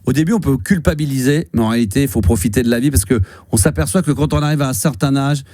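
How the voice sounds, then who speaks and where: A man in his fifties hosts a radio call-in show, chatting casually with a caller and rambling with many fillers and restarts. His mid-range voice is mellow and fast, recorded in a radio studio with no room sound.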